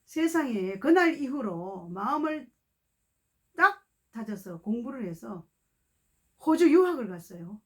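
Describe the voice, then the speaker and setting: A woman's voice: a little high, big pitch swings, unhurried, long pauses. A woman guest preacher telling a testimony to her congregation, acting out the voices of the people in her story and speaking to the listeners directly. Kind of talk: testimony sermon.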